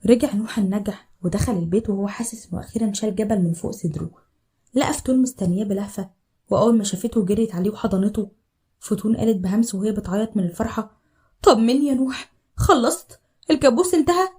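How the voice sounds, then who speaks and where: A woman with an Egyptian accent narrating a scripted story in an even, rapid storytelling manner. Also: medium pitch. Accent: Egyptian Arabic.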